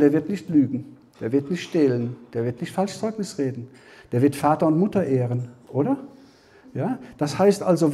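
A man giving a Bible teaching as a sermon, talking conversationally to the congregation, often checking with a quick "ja?" and restarting his phrases. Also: medium pitch, mellow. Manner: conversational preaching, frequent tag "ja?", restarts. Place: church hall.

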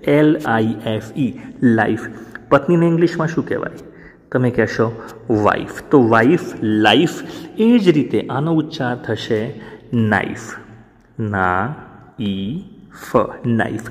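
A man teaching an English lesson to beginners, spelling words out slowly letter by letter and often asking his learners how to say them. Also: mid-range voice, darkish tone, big-room sound. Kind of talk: spoken language lesson.

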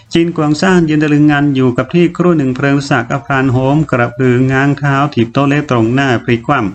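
A man's voice: mid-range voice, slight background noise. A man narrating a novel in a dramatic reading, voicing each character himself. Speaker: audiobook narrator.

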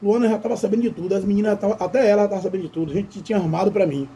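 A man chats animatedly with his viewers. His voice is high-pitched but dark, with a gravelly fry. A faint hum of the room sits in the background. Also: racing. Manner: animated, addresses viewers as "gente". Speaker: vlogger. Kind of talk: casual storytelling during a mukbang.

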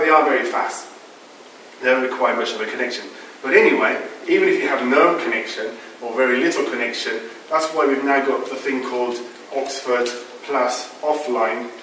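A man's voice: medium pitch, fairly bright tone, a little hiss or hum. A middle-aged man giving an informal conference talk in a large lecture hall, explaining with frequent fillers. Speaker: conference presenter. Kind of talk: conference talk with audience questions. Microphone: far room mic, not using microphone. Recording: echoey hall from far off.

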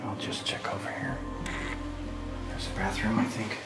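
Exploring a big derelict house indoors, this urban explorer, a middle-aged man who doesn't speak English natively, narrates casually into a handheld camera mic. His pitch sits fairly low, and he pauses and muses out loud, at moments sinking into a whisper. Music runs beneath the echo of the bare rooms.

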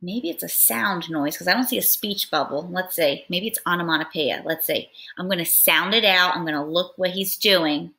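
A woman's voice: fairly low pitch, normal speed, vocal fry, hardly any pauses, bright, forceful tone. A young woman teacher reading a picture book aloud in a patient, step-by-step lesson, sounding out words.

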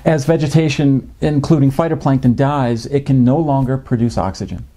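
A man in his fifties explains fishing in a measured, educational way, with frequent "uh" fillers. He sits in a home office. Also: mid-range voice, mellow. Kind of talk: educational narration. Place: home office with a desktop computer.

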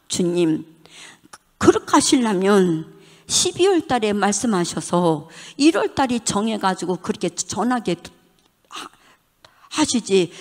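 An older woman, a church deaconess, giving a fervent testimony sermon, acting out the conversations she recounts and breaking into loud hallelujahs. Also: medium pitch. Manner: fervent preaching with shouted hallelujahs; acts out quoted dialogue in dramatic voices. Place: church sanctuary. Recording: long hall reverb.

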